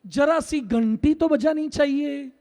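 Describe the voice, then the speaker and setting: A drowsy, overly polite house host, as a preacher puts him on welcomes guests slowly and courteously. The voice is very high and drawn out. It echoes in a large hall. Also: male voice, mellow.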